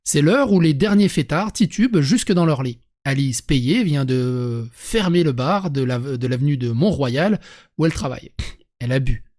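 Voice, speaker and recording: A streamer with a French accent reading an article aloud to viewers, breaking off for lively, sarcastic asides and restarts. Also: mid-range voice, moderate pace. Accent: French (France).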